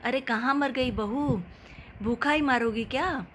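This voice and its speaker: A woman's voice: a little high, normal speed, slight background noise, close to an everyday voice. A woman doing a grumbling old mother-in-law. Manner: nagging, sharp-tongued complaints. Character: scolding older mother-in-law, grumpy.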